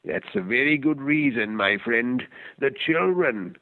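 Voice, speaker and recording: A man voicing a gruff old homeless Canadian man with a raspy, smoker's voice, speaking in blunt, curt questions. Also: mid-range voice, expressive, measured pace, sharp tone, pitched above the performer's own voice, low-quality recording. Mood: earnest.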